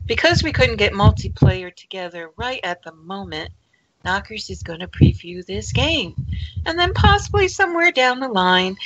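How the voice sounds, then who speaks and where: A woman opens a gaming livestream with a slow, unhurried delivery and a playful, teasing tone. Her voice comes through a dull, lo-fi mic with a faint hiss of noise behind it. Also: medium pitch, a bit bright. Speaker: stream co-host. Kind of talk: casual livestream chat.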